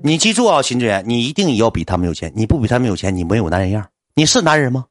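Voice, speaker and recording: A man's voice: animated, rapid-fire, no echo, clean studio sound, faint music behind. A man voicing a pushy young female assistant who nags and chants motivational slogans. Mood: hyped. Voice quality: shrill, nagging, sloganeering.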